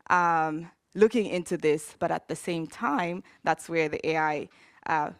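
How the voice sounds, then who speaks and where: A woman from Zambia giving a conference talk, in a conversational way with frequent pauses and fillers. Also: fairly low pitch, no echo, studio quality. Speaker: conference speaker. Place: conference hall.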